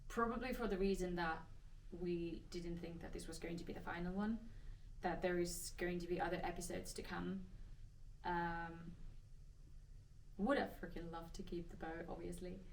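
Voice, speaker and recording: A woman's voice: on the low side, fairly even intonation, moderate pace, creaky, far from the mic, slight background noise, low-quality recording. A woman from Finland with a Finnish accent, answering Q&A questions in a chatty, hesitant way with many restarts. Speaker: actress. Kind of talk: casual Q&A answers.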